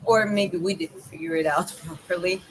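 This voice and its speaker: Lower-pitched Georgian woman chatting on a noisy livestream. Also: fairly even intonation, normal speed. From Georgia (country). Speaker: live streamer. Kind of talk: casual livestream chat. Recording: clear background noise.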